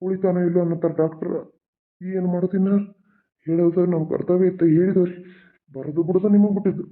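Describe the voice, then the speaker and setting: Rapid accusing man. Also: high-pitched, level tone. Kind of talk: dialect cartoon voice acting. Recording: tinny phone-like recording.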